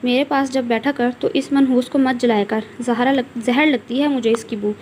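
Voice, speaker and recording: A woman's voice: a little high, fairly even intonation, normal speed, a little mellow, a little hiss or hum, close to an everyday voice. A woman voicing a young village woman who fondly scolds like a mother, in a read-aloud story. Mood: teasing scold.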